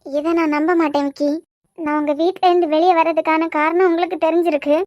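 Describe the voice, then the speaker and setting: A woman's voice: very high voice, flat delivery, quick pace, darkish tone, no room sound, lo-fi sound, voice pushed down. A woman voicing an anxious young mother in a cartoon, speaking firmly with a Kanyakumari Tamil accent. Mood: worried, stern. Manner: firm, worried. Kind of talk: cartoon voice acting.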